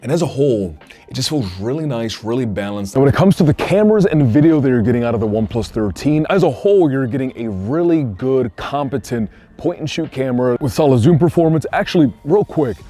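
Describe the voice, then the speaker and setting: Animated and fairly quick, a Puerto Rican man with a warm, mid-range voice gives a casual product review as a tech reviewer. He keeps things conversational, with "like" asides throughout.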